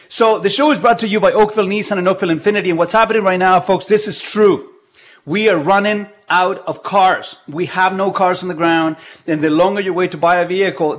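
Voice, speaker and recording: Male radio host, high-pitched, casual and jokey, broadcasting from home. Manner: chatty, jokey, laughs often. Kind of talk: casual live radio talk. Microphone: video call.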